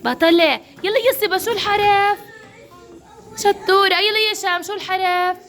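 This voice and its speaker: A woman's voice: extremely high pitch, normal speed, a bit bright, soft background music. A woman with a Levantine Arabic accent teaching a kindergarten class, encouraging and praising each child by name. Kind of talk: classroom instruction.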